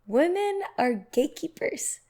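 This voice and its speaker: A young woman hosting a reaction video, talking back to a clip in a lively, casual way and laughing often. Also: high-pitched, measured pace.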